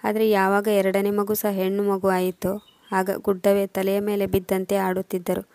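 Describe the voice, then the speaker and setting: A woman narrating a first-person family story in a steady, measured reading voice. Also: medium pitch, dry recording.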